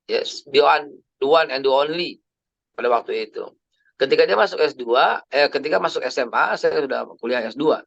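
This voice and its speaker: A man's voice: mid-range voice, normal speed, vocal fry, fairly bright tone, dry recording. A man, telling personal stories in a chatty family sermon and sprinkling in English phrases. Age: 50s. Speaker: Islamic preacher. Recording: dry, slightly dull lo-fi recording.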